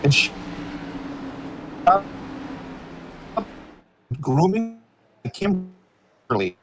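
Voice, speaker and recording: A man co-commentating a race over a remote call, his voice breaking up and dropping out as he stumbles through halting restarts. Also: high-pitched, very animated, background noise. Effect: voice breaking up over a bad online connection. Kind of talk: online sim racing commentary.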